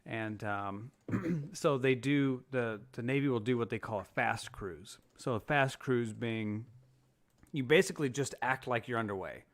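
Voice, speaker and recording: Animated man swapping navy stories. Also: medium pitch, a little slow. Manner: animated, acts out shouting in quotes, swears freely. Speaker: former submariner telling sea stories. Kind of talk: casual storytelling chat.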